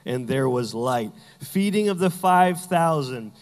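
A man's voice: on the high side, lively intonation, unhurried, in a large hall. A man preaching a sermon as pastor, telling Bible stories with humor and acting out the characters.

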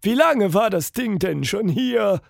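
A bitter, easily enraged woman , as a male narrator puts her on, speaks in a strained, high register. Her voice has a gravelly crackle and snaps off each phrase sharply. The sound is close and dry, with no room around it. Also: measured pace, no room sound, exaggerated voice. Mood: stunned. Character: grumpy furious grown woman, shut-in. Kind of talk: storybook character voice.

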